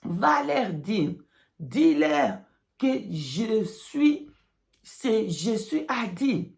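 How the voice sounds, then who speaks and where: A woman voicing almighty God speaking from a rock in a vision, solemnly proclaiming with drawn-out words. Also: medium pitch, big pitch swings, vocal fry, a little mellow, full character voice. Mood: solemn, commanding.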